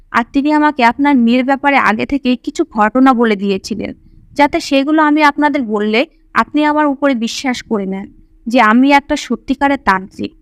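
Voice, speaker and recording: A woman's voice: fairly high pitch, no echo, lightly acted. A woman reading the lines of a greedy man posing as a tantric, who pleads and confesses.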